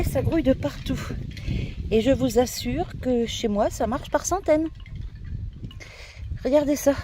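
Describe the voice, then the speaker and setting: A woman's voice: a little high, dark tone. A woman chatting casually as she shows her garden, slightly out of breath, with a stuffy nose. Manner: chatty, showing viewers around, sniffly. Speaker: gardening vlogger. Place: outdoors in a garden by a greenhouse, windy. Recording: faint wind noise outdoors.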